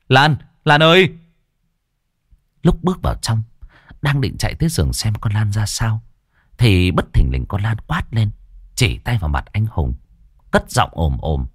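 A man reading a scripted ghost story in a dramatic, expressive way. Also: fairly low pitch, slightly rough, dry recording, clean studio sound. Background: faint music.

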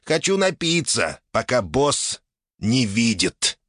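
A man's voice: mid-range voice, big pitch swings, slow, fairly bright tone, dry recording, studio quality, full character voice. A man voicing a talking boulder with bushy brows, an old sailor with a familiar, folksy way of talking, in an audiobook. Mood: cheeky.

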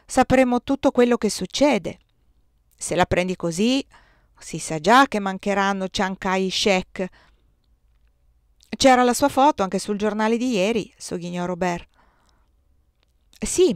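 A woman reading a novel aloud, expressive, raising her voice for the characters' lines. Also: mid-range voice, no room sound, studio quality. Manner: expressive, raises her voice for dialogue. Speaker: reader.

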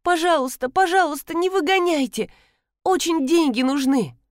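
A woman's voice: moderate pace, no echo, clean studio sound, close to an everyday voice. A woman reading an audiobook, voicing a frightened young seamstress who cries and begs not to be fired. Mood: tearful pleading. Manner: tearful high pleading. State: crying.

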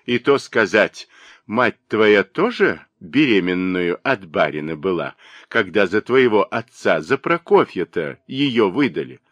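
A man voicing a spiteful, gossiping old spinster woman with a shrill, mocking manner in an audiobook. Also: sing-song, a little slow, a bit bright, no room sound, exaggerated voice.

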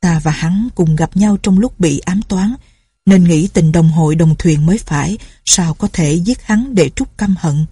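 A woman's voice: unhurried, husky, dry recording, clean studio sound. Woman reading as Lệnh Hồ Sung, anxious young swordsman. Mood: pitying. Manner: inner thoughts read in a low, steady tone. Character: young male swordsman hero, anxious and loyal.

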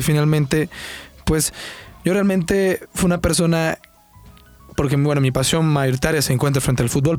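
A man's voice: on the high side, a little mellow, no room sound. A nineteen-year-old man from El Salvador with a Salvadoran accent, hosting a sports talk show on his own and talking casually with plenty of fillers and restarts. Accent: Salvadoran Spanish.

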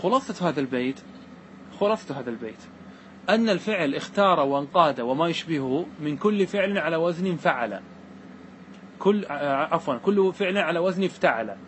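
A man with a slightly raised pitch teaches a classroom grammar lesson. He recites verse lines slowly and deliberately, then breaks them down and keeps checking that his students follow. A faint hum of room noise sits behind his voice. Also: expressive. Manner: checks understanding with repeated questions to students.

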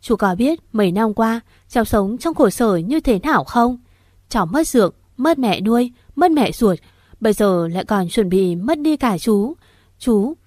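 A woman's voice: on the high side, darkish tone, no echo, clean studio sound. A woman voicing a grieving young woman who pleads with her uncle through sobs. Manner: sobbing, pleading questions.

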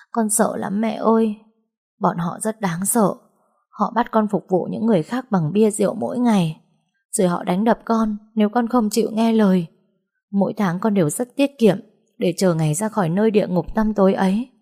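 A woman's voice: medium pitch, warm tone, pitched above the performer's own voice, close to an everyday voice. A woman voicing a frightened young woman crying to her parents in a story.

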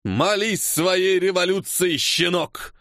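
A man's voice: sits high, fairly bright tone, no echo, studio quality, voice pushed up, full character voice. A man voicing a brutal Cossack captain who barks contemptuous orders and threats. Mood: menacing. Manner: barking, contemptuous, slow drawn-out threats. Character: brutal shouting Cossack captain, male adult.

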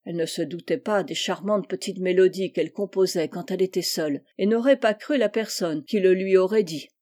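A woman's voice: lowish voice, a little fast, lightly acted. A woman reading a kind, cheerful young man. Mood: gentle. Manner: warm, gently teasing.

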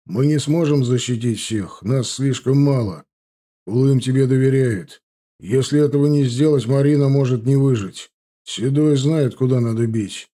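A man voicing a blunt, swearing gangster who talks loudly and roughly. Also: mid-range voice, moderate pace, natural voice. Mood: grim. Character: coarse tough male gangster, blunt and loud.

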